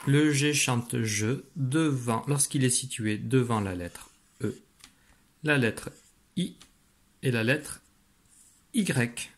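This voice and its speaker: A man gives a phonics lesson to young children. He talks patiently and kindly, slows down to sound out each letter and syllable, and cheers the child on after each answer. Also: medium pitch. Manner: encouraging, praises the listener. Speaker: teacher.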